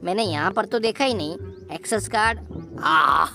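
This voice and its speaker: A woman voicing an excitable, boastful boy cartoon hero while commenting on a game, teasing and shouting at the villain. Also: mid-range voice, normal speed, gravelly, faint music behind. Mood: excited. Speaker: gameplay commentator. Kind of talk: playful gameplay commentary in character.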